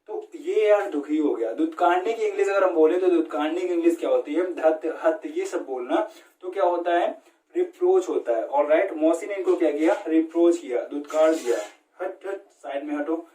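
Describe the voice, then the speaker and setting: A man's voice: fairly high pitch, moderate pace, warm tone. Male language teacher, storytelling lesson, mixes Hindi and English, roomy off-mic sound. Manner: asks and answers his own questions, mixes Hindi and English. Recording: roomy echo, distant mic.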